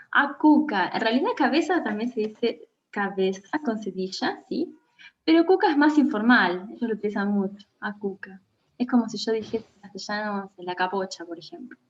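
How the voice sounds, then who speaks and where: Woman explaining words, lo-fi. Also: a little high. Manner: explains word meanings carefully, checking in with "¿sí?". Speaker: Portuguese teacher. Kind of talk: explanatory lesson. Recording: dull lo-fi sound.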